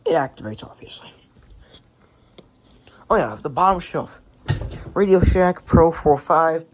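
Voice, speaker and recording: This rough recording, with a little hiss or hum, captures a man on a handheld phone casually showing his radio collection. He speaks unhurriedly in a slightly high voice with lively intonation, rambling and swearing in an offhand way.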